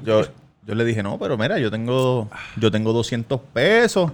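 A man's voice: mid-range voice, normal speed. A man from Puerto Rico with a Puerto Rican accent, telling a story on a casual podcast among friends, swearing freely and acting out voices. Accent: Puerto Rican Spanish. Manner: animated, swearing, acts out voices in his story. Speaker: podcast co-host.

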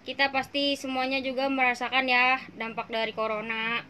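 A woman's voice: high voice, little pitch movement, moderate pace, sharp tone, a little hiss or hum. A young woman hosting a casual podcast, playful and slangy, laughing often. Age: young adult. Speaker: podcast host.

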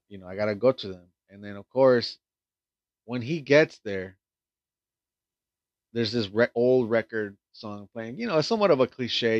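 A lower-voiced man talks through a movie plot in loose, meandering chat, full of ums, restarts and casual swearing. The sound is dull and lo-fi, with a dry, close feel and no room around it. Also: no echo. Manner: rambling, profane, many fillers and restarts. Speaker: film reviewer. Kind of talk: casual film review recap.

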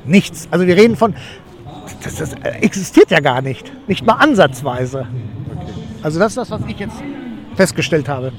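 A man's voice: on the high side, big pitch swings, moderate pace. A man giving a street interview outdoors in a city, rambling and searching for words. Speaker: event attendee.

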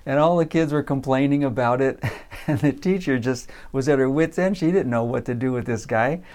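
A man telling a personal story in a relaxed, casual way, with frequent fillers. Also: mid-range voice, normal speed. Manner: relaxed, many uh fillers, acts out voices in quotes.

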